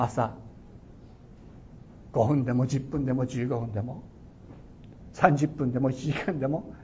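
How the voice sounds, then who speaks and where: A man preaching a sermon as a pastor, earnest and exhorting, his voice swelling on key words. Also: warm tone. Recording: dull lo-fi sound with faint rumble.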